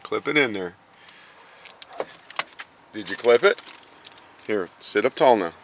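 A man's voice: on the low side, expressive, slow. A middle-aged man chatting casually in a car, coaxing with simple questions and repeated instructions. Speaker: caregiver driving a patient home. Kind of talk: casual chat. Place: inside a car. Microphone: handheld phone. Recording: phone video with clear vehicle noise.

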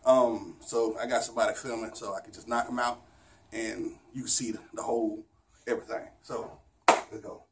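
A man's voice: medium pitch, steady tone, fairly quick, slight background noise. A man in his thirties talking casually and slangily to a camera in a small shop. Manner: informal, slangy. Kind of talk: casual vlog talk to camera. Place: small shop with carpet, indoors. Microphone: camera held by another person, a few feet away. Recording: slightly distant camera mic.

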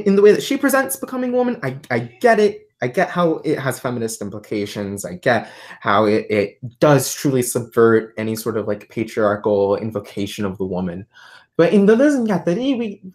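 A woman guest on a livestream, explaining ideas thoughtfully with many fillers and restarts. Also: extremely low pitch. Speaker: guest, artist and philosophy tutor. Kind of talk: livestream conversation.

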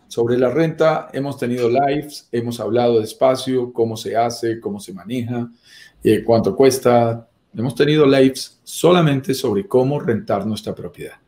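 Middle-aged male presenter, medium pitch, instructive explainer style for online video. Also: mellow. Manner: didactic, repeats key phrases and poses rhetorical questions. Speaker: property business presenter. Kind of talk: explanatory talk on a live video. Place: small room or home office, indoors.

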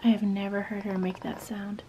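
A woman's voice: mid-range voice, flat delivery, moderate pace, a little hiss or hum. A woman in her thirties vlogging casually, often dropping to a whisper while filming in a barn at night. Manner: soft-spoken, often whispering. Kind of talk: casual vlog narration. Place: wooden barn at night and farmhouse kitchen.

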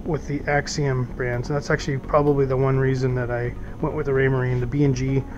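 A man's voice: mid-range voice, little pitch movement, fast, highs cut off. A middle-aged man casually unboxing boat gear in a small office, thinking aloud with lots of fillers, recorded on a head-mounted camera. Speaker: boating vlogger.

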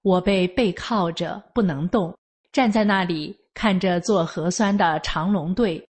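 Husky woman reading a personal story. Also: fairly low pitch, a little slow. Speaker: narrator.

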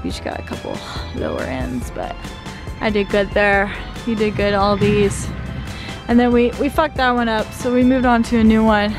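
A woman's voice: medium pitch, lively intonation, moderate pace. A young woman vlogging at a forest campsite, chatting casually with laughs and light swearing. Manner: giggly, laid-back, swears casually. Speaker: van-life vlogger. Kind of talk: casual vlog chat. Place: outdoors at a forest campsite by a van. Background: music.

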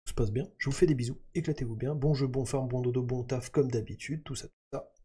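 Guy rambling over his game at his desk, kinda husky, lots of euhs. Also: medium pitch, fast talker, mellow. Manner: chatty, thinks aloud with many fillers. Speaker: gaming YouTuber. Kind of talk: casual gameplay commentary.

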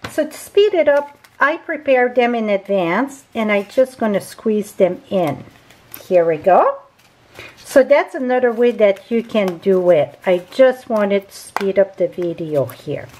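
A woman's voice: medium pitch, animated, unhurried, a little mellow, poor audio. A woman with a French accent giving a chatty, unscripted card-making tutorial at a craft table, correcting herself as she goes. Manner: chatty, unscripted, with small grammar slips and self-corrections.

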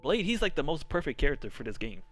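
A young man streaming a fighting game, chatting loosely with his chat and reacting loudly to the fights. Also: on the high side, very animated, fast talker, faint music behind. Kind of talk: casual live-stream commentary while gaming.

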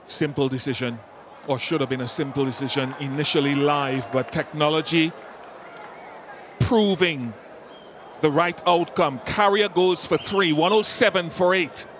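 A man commentating on cricket in a measured, analytical way. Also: on the high side, fairly bright tone, slight background noise.

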